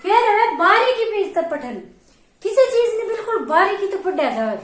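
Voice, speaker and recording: A woman with a Haryanvi accent, teaching an exam-prep class. She repeats key terms slowly and keeps checking in with her listeners. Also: very high-pitched, very animated, reverberant.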